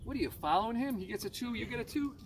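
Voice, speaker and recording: Very high-pitched, animated and rapid-fire, a fifties-aged man from Chicago kneels on a residential sidewalk performing a card trick outdoors. The street magician and preacher counts cards aloud and chats with the onlookers he quizzes, recorded by a camera mic a few meters away with loud street noise.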